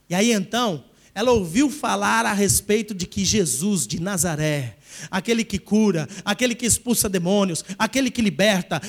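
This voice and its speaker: A man preaching a sermon in church, his voice sitting unusually high. He leads the congregation in call-and-response and rises to shouting at the peaks. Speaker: pastor.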